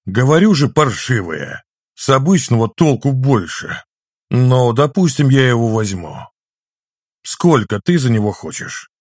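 A man voicing a grumpy, sarcastic old shopkeeper in an audiobook, grumbling his lines in a higher, louder voice. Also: sing-song, measured pace, no room sound, clean studio sound. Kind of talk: audiobook reading.

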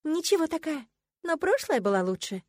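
A woman's voice: high voice, very animated, normal speed, darkish tone, no echo, voice pushed up. A feisty, sarcastic young student heroine from a fantasy audiobook, as a woman reader puts her on, her voice lifted a little above the narration and pushed with bite. The sound is dry and close, with no room around it. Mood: mock-sweet. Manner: sarcastic, indignant, mock-sweet.

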